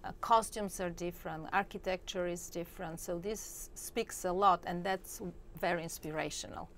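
A Bulgarian-accented woman in her forties answers interview questions. Her voice is low and gravelly with lots of fry, and she talks earnestly, pausing on fillers. She is recorded on a lapel mic over faint room hiss. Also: steady tone, a bit bright. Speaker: guest, dance teacher. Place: small studio set, indoors.

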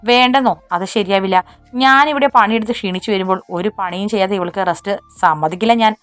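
A woman's voice: mid-range voice, brisk, fairly bright tone, faint music behind, natural voice. A woman voicing a teasing, hot-headed younger brother in a romance audiobook. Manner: teasing, then resentful.

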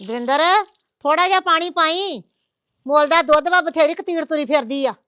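A woman playing a sharp-tongued mother-in-law. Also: high-pitched, moderate pace, no echo, studio quality. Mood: scolding. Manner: sharp, nagging, taunting. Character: harsh scolding mother-in-law, older woman.

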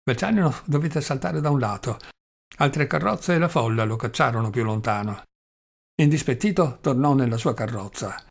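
A man narrating a novel as an audiobook reader, in a steady, measured way. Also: medium pitch, creaky.

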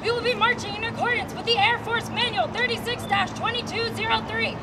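A woman's voice: very high-pitched, fairly even intonation, brisk. A teenage girl cadet calling out military drill commands and formal reports outdoors. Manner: formal, shouted call-out delivery. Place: open outdoor parking lot. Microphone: far camera microphone. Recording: distant outdoor mic, loud crowd noise.

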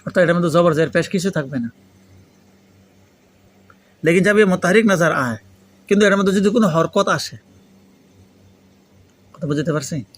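A Pakistani-accented man with a fairly high voice gives an interactive lesson. A native Urdu speaker, he talks in a foreign learner's Bengali with Urdu phrases mixed in. He explains step by step, repeats key points and keeps prompting with questions. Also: moderate pace, pauses often. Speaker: Arabic grammar teacher.

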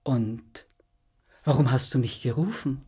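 A woman voicing a brave, quick-tempered young male hunter in a spoken fairy tale. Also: low-pitched, lively intonation. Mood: wondering. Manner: indignant, outraged.

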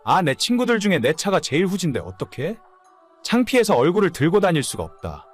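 A man's voice: high-pitched, huge pitch swings, a little fast, faint music behind, heavily acted. A man playing an immature, whining, hungover husband in his late thirties in a dramatized story. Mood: defensive. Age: late 30s. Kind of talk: dramatized audio story dialogue.

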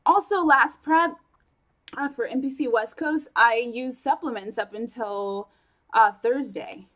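A young woman vlogging casually about her training, talking fast and chatty with lots of fillers and self-corrections. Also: a little high, a bit bright. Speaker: fitness vlogger. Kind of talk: casual vlog chat.

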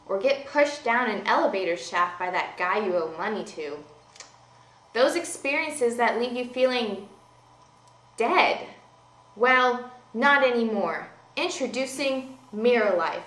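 Young woman as an insistent infomercial saleswoman, high voice. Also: a bit bright, echoey room, poor audio. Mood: dramatic pitch. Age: young adult. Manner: scripted, insistent TV-pitch delivery. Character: brisk infomercial saleswoman pitching a miracle serum. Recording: faint background noise, amateur video.

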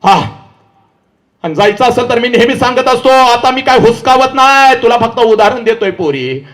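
High-voiced man lecturing fiercely. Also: lively intonation, moderate pace. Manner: fiery, scolding, shouting at the crowd; repeats commands to the audience. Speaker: motivational public speaker. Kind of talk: impassioned stage lecture. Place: large event before a seated audience.

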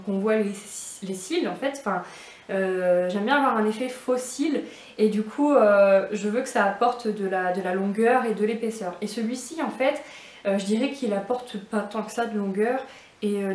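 A woman's voice: medium pitch, a little mellow, reverberant, distant mic. A woman chatting casually through a beauty box unboxing, hesitant and full of fillers, in a home setting. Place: indoors at home.

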